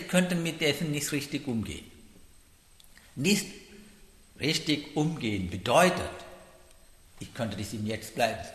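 A man gives a Buddhist dharma talk, halting and grammatically loose, often pausing to check in with his listeners. His pitch rises and falls with lively movement. The sound carries a long, roomy echo from a large hall. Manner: halting, broken grammar, frequent "Ja?" check-ins. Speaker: Buddhist teacher.

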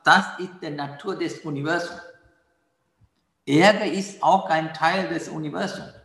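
A man giving a calm dharma talk on mindfulness as a meditation teacher, patiently repeating his key phrases. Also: a little high, a little slow, creaky. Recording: roomy hall with long reverb.

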